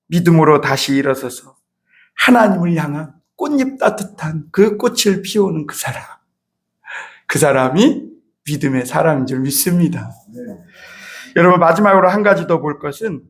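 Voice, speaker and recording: A middle-aged male pastor giving a Sunday sermon in a church, emotive and rising to shouts on key lines, often calling out to the congregation. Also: on the high side. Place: church sanctuary.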